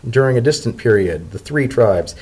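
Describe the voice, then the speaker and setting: In a storybook reading, a man with a medium-pitched, animated, darkish and slightly rough voice plays a polite pony diplomat. The character is an earnest, thoughtful male pony civil servant, and he speaks formally, sincerely and in a measured way.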